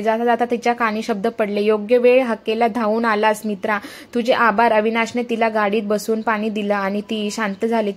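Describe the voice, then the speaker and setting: A woman with a somewhat high voice reads a story aloud. She often trips on a word and starts it again, and she speaks every character in her own plain voice. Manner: frequent stumbles and restarts on words. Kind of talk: reading a Marathi story aloud.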